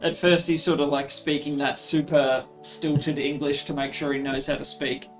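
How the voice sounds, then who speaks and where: A man narrating as game master in a loose, improvised way, pausing mid-sentence to find his words. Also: on the high side, little pitch movement, over music.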